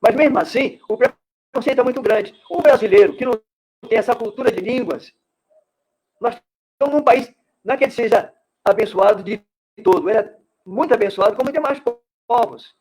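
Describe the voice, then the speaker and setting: A man's voice: extremely high pitch, brisk, long pauses, darkish tone, slightly rough, low-quality recording. A man with a Brazilian Portuguese accent, a radio guest explaining things in a teaching way, full of examples. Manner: didactic, gives examples and conjugations. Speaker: guest speaker on Esperanto.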